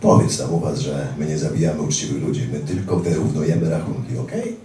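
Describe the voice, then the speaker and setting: A man's voice: a bass voice, expressive, a little fast, warm tone, reverberant, far from the mic. A man voicing a male Naxalite fighter who mocks and lectures his captive. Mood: sneering. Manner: sneering, lecturing.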